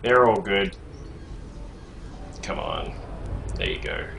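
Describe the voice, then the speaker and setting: A man's voice: low voice, huge pitch swings, slow, gravelly, a bit bright, a little hiss or hum, poor audio. A man casting a strategy game match alone from his home computer, chatting casually with many fillers and asides to the chat. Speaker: game caster. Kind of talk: solo esports commentary.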